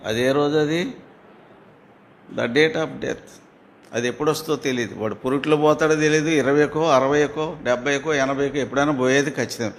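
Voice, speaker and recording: A man with a Telugu accent preaching a sermon. He asks his listeners questions and answers them himself, reads scripture slowly and grows loud and fervent. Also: medium pitch, a little hiss or hum.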